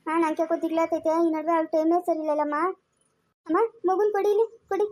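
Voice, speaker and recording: A woman with a very high, warm voice speaks quickly and steadily, playing an anxious village grandmother in a family drama. With a Chikkaballapur Kannada accent, she frets, scolds, and coaxes.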